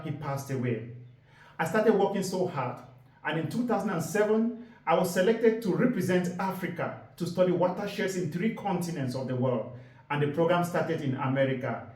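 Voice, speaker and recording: A man's voice: fairly high pitch, a little mellow. Earnest man presenting in a roomy space. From Cameroon. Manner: earnest, storytelling delivery with deliberate emphasis. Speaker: environmental activist giving a presentation. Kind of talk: public presentation talk. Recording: roomy sound from a distance.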